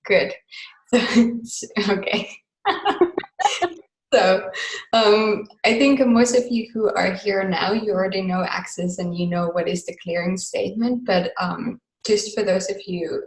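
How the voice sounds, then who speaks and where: This class facilitator, whose first language is Finnish, runs a live online session in a relaxed, chatty manner full of easy laughs and rambling asides. Her mid-pitched voice comes through a video call mic with roomy, low-quality sound.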